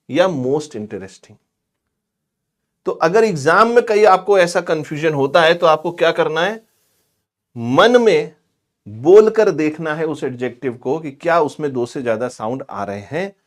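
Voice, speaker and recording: A man teaching English grammar in a chatty, scolding classroom lecture. He drags out example words slowly. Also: on the high side. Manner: chatty and scolding, calls students "bhai" and "pagle".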